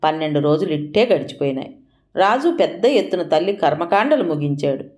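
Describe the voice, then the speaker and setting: Measured woman narrator, lowish voice. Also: expressive, darkish tone. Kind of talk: scripted audio story narration.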